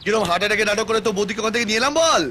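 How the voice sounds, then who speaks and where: An actor playing a scheming, flustered young husband who keeps lying, talking fast and pleading in a comic film scene. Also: male voice, sits high, pushed and bright, a little hiss or hum. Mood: coaxing. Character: scheming, flustered young married man who lies constantly. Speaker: lead in a comedy film. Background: film score.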